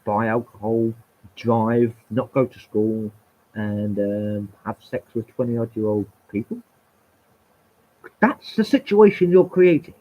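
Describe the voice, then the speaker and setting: A man holds forth on a live stream in a heated, sweary rant. His husky voice swings up and down with animated emphasis. The lo-fi recording sounds dull and muffled. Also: mid-range voice. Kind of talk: ranting live stream monologue.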